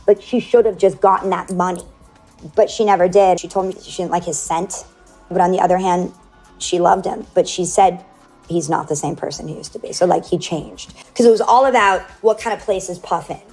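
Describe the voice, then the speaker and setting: A woman's voice: lowish voice, fairly quick, a little mellow, soft background music. A woman interview guest telling a personal story in casual talk, acting out quoted dialogue and using many fillers.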